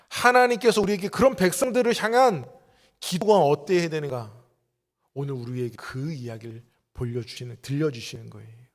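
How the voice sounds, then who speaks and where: A man with a notably high-pitched voice preaches to his congregation, putting questions to them again and again. He is recorded in a church sanctuary, and his voice carries a long, echoing hall reverb. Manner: asks the congregation many rhetorical questions. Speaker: pastor. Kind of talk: sermon.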